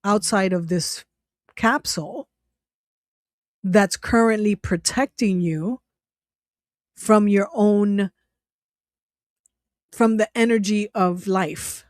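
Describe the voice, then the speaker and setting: A woman's voice: medium pitch, takes it slowly, long pauses, darkish tone, no echo, clean studio sound. A woman hosting a casual commentary vlog, talking in a profane, incredulous way, laughing often and rambling with many restarts. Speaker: channel host.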